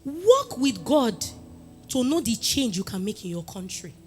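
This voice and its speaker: A woman with a Nigerian accent giving a lively motivational talk, switching between Pidgin and English and rising to loud, emphatic peaks. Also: fairly high pitch, a little slow, soft background music. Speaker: motivational speaker.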